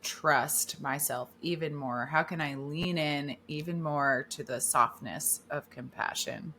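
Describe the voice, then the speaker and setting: A woman hosting a podcast in casual chat, candid and expressive, who swears freely. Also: sits low, slow pace, a little hiss or hum. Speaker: podcast host.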